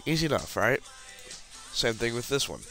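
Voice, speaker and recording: Faint music plays as a man with a medium-pitched, fairly bright voice and lively intonation talks at a moderate pace. He casually walks through the steps of a puzzle tutorial over a screen recording while clicking. The flu has him congested and sniffling.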